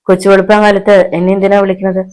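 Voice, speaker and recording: A woman voicing a defiant young wife and mother in a storybook reading, speaking in a sharp, cutting way. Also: on the low side, steady tone, a little fast, natural voice, low-quality recording.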